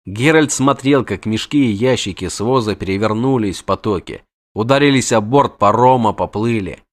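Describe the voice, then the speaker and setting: Man narrating a fantasy audiobook. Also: on the low side. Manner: steady, measured storytelling. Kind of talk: scripted narration.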